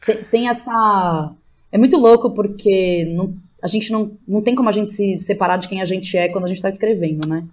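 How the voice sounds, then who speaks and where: A Brazilian woman, a playwright and theatre director, chats casually as a guest on a podcast, using informal slang and lots of tag questions. Her voice sits at a medium pitch and moves fairly quickly, with a faint hiss or hum in the background.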